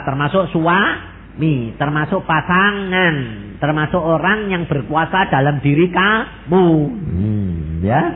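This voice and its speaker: Javanese-accented male pastor, fairly high voice, lively sermon, tinny phone-like recording. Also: slight background noise. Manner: animated, mixes in Javanese, acts out quoted prayers.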